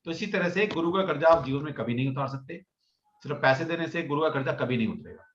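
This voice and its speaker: A man's voice: on the high side, quick pace, a little hiss or hum. Earnest man teaching in an echoey room. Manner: earnest, advising. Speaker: teacher, webinar host. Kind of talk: casual panel chat. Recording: echoey, dull sound.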